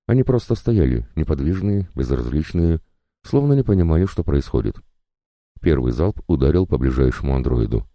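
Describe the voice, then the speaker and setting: A man narrating an audiobook in measured, even storytelling. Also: a bass voice, dry recording, studio quality. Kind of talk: scripted narration.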